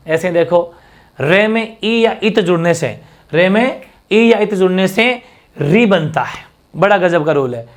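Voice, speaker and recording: A man teaching a fast exam-prep grammar lesson, drilling examples and asking rhetorical questions. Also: high-pitched.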